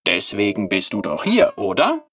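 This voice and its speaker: A narrator playing Fiyerem, a shy and charming porcelain clockwork boy who speaks slowly and softly in a storybook reading. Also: low-pitched, huge pitch swings, no room sound, far from the mic, voice pushed down, exaggerated voice.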